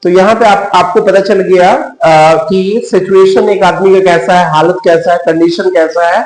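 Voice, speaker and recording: A man's voice: sits high, steady tone, normal speed, darkish tone, reverberant, poor audio. A man with an Indian English accent teaching English step by step, mixing Hindi and English and repeating each example sentence. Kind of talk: slow classroom explanation.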